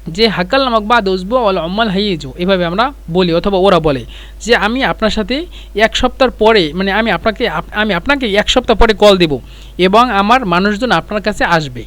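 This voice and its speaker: High-voiced man teaching phrases slowly. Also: expressive, a bit bright. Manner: repeats phrases slowly for learners. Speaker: Arabic language teacher. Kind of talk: explaining a dialogue line by line.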